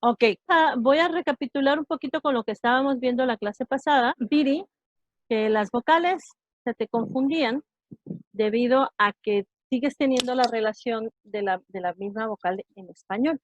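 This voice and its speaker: Patient woman teaching pronunciation slowly. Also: on the high side, no echo, muffled recording. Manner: patient, slow, checks understanding with repeated "¿sí?". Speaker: English teacher. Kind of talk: online class explaining pronunciation.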